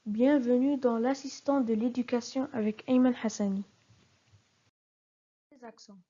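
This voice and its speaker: A woman's voice: fairly high pitch, steady tone, normal speed, dark tone. A woman teaching a recorded spelling lesson, carefully spelling out example words syllable by syllable. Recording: dull lo-fi recording.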